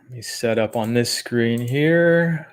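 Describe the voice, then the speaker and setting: A man's voice: mid-range voice, takes it slowly, smooth. A man hosting a live-streamed business training from a home office, upbeat and rambling, with many fillers.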